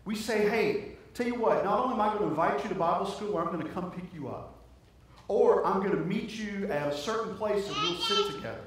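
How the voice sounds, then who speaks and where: High-voiced pastor preaching in an echoey church. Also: male voice, lively intonation, brisk, slight background noise. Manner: earnest, conversational preaching with emphatic repetition. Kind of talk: sermon. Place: church sanctuary. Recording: very echoey church, heard from a distance.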